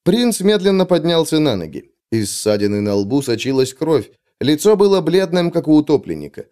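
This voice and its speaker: A man reading an adventure story aloud as narrator, in steady, dramatic storytelling. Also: a little high, moderate pace. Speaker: audiobook narrator. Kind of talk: scripted narration.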